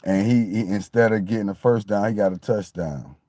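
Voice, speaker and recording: On a dry recording, a Miami man in his late forties rambles casually about his football team, circling back to the same points again and again. His voice sits on the low side and is mellow, and his delivery is brisk. He comes across as a sports fan commentator in a conversational, meandering sports talk monologue.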